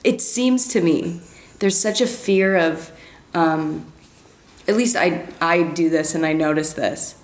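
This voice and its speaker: A woman's voice: deep voice, slow pace. Woman musing in a roomy recording. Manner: searching, restarts often, laughs easily. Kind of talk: casual film discussion. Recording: roomy with faint ambience.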